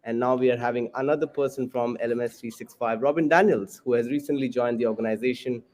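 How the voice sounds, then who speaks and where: Guy hosting a podcast, mid-pitch voice, rambles through the intros. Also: steady tone, fast talker, darkish tone. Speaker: podcast host. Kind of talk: interview hosting.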